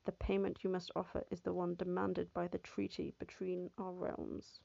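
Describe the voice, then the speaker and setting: A woman's voice: lowish voice, completely flat delivery, normal speed, creaky, dark tone, no room sound. A woman voicing a wrathful male fairy beast in an audiobook, speaking in stern, clipped threats. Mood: menacing. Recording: dull lo-fi, dry.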